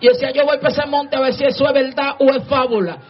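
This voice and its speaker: A woman preacher delivering an impassioned sermon, often shouting. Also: sits high, fairly even intonation, fast talker. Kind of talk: fervent sermon. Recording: dull lo-fi sermon recording with music. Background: music playing.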